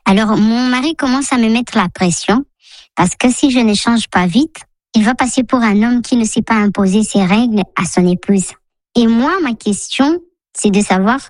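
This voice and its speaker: A woman's voice: a little high, no room sound. A woman leaving a personal testimony as a recorded listener message, her voice altered by a voice changer. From DR Congo. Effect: voice changer, digitally disguised voice.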